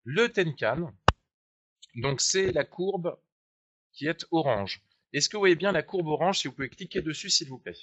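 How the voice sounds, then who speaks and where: A man's voice: a little high, animated, a little slow, fairly bright tone, slightly rough. A man teaching a live webinar tutorial on trading charts, chatty and explanatory, asking viewers to click along. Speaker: trading software trainer. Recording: dull lo-fi sound.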